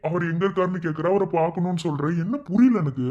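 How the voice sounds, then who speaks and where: Woman voicing a kind cartoon male doctor, low voice, patient, soothing, muffled lo-fi audio. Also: fast talker, warm tone, natural voice. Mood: puzzled. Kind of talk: animated cartoon voice acting.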